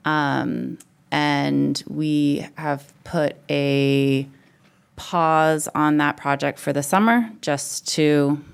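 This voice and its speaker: A woman's voice: deep voice, drawn-out words, gravelly, clean tone. A woman representing parks and recreation, speaking at a town board meeting in a hesitant way with many "um" fillers.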